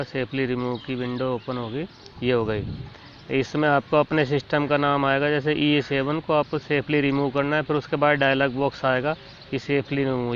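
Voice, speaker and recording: Man, step-by-step tutorial, talks while demonstrating, average pitch, muffled lo-fi recording. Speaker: keyboard tutorial host. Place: indoors at a computer and keyboard. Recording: dull lo-fi sound with faint noise.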